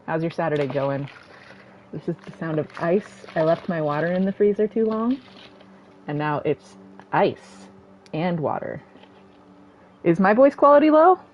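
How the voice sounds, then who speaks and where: A woman's voice: on the low side, lively intonation, measured pace, pauses often, dull audio. A chatty woman streamer rambling and thinking aloud as she plays, speaking into a desk microphone at home. A faint noise sits behind her voice. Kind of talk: casual chat while gaming.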